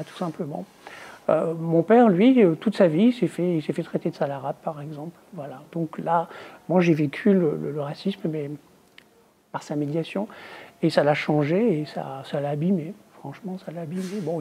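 A middle-aged woman, an academic researcher, answering interview questions in a thoughtful, measured way, her voice trailing off quietly at the ends of phrases. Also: deep voice, breathy edge. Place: indoors, filmed for a museum exhibition.

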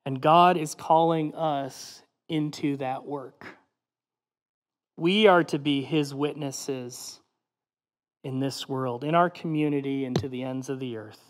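A man preaching a sermon as pastor, measured and earnest, slowing on key phrases and letting line ends fall away softly. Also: mid-range voice, in a large hall. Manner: closes with a prayer.

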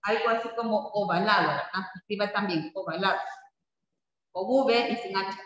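A man's voice: high-pitched, normal speed, fairly bright tone, slight background noise. A man teaching a spelling lesson to a class, patient and checking in with frequent tag questions. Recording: echoey classroom, far from the mic, dull.

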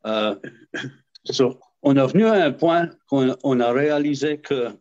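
A man's voice: mid-range voice, measured pace, a little mellow, dull audio. A man from southwest Nova Scotia with an Acadian French accent, telling stories in a casual interview, often hesitating and repeating words. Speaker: interviewee, association representative.

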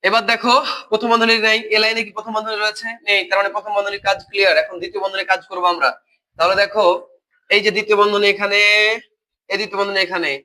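Recorded at low quality, this high-voiced logic tutor delivers his online class flatly yet forcefully, bright and racing. He has a Bangladeshi Bengali accent and a cold, and he patiently repeats himself while quizzing his students.

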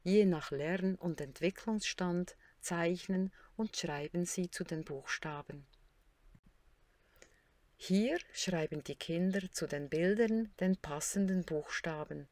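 A woman narrating a teaching tutorial in a scripted way, sounding out syllables slowly and clearly. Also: lowish voice, a little mellow, no room sound.

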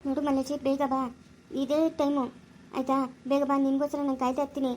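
A woman's voice: high-pitched, completely flat delivery, fast talker, darkish tone, a little hiss or hum, natural voice. A woman playing an eager young woman who has run away from home and urgently presses her lover on a phone call. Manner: urgent, insistent pleading. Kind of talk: amateur family skit acting.

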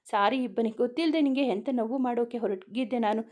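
A woman's voice: on the high side, fast, a little mellow, lightly acted. A woman voicing a young man, an earnest and protective older brother who blames himself. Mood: remorseful. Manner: earnest, self-reproaching.

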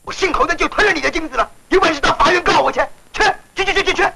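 An actor playing an arrogant, bullying landlord who shouts contemptuously, in 1940s film acting. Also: male voice, high voice, expressive, fairly quick. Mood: furious. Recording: hissy noisy old film soundtrack.

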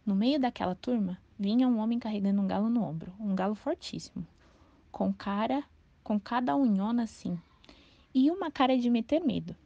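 A woman calmly narrating a children's novel aloud in a storytelling manner. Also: mid-range voice, moderate pace, creaky, no echo. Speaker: audiobook reader. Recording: dull, dry lo-fi recording.

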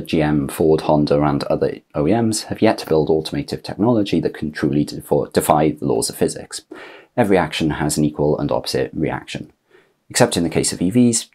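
A man in his thirties hosting a scripted explainer video to camera, measured and asking rhetorical questions, filmed in a small home office with a clip-on mic. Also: extremely low pitch, darkish tone, breathy edge. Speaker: YouTube host explaining electric cars.

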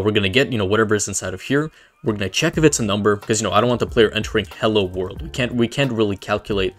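A young man from Canada casually explaining game coding, joking in slangy chatter full of fillers. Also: lowish voice. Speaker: Roblox tutorial creator. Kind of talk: casual coding tutorial with jokes.

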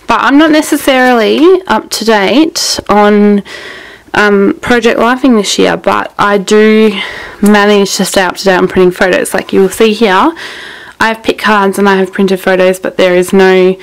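A young woman with a creaky voice, chatting casually and rambling through a craft room tour, laughing often. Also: mid-range voice, steady tone, normal speed, rough recording. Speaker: craft vlogger.

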